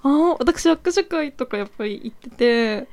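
A woman's voice: sits high, animated, measured pace, darkish tone. A woman guest on a late-night radio talk show, chatting casually and gushing with frequent giggles.

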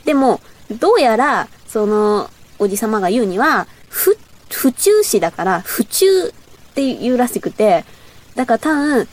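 A woman's voice: on the high side, big pitch swings, normal speed. A young woman from Chiba with a Boso dialect, hosting a casual solo talk show, reading out her old memos in a rambling, self-mocking way. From Chiba, Boso area. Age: young adult. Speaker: radio show host.

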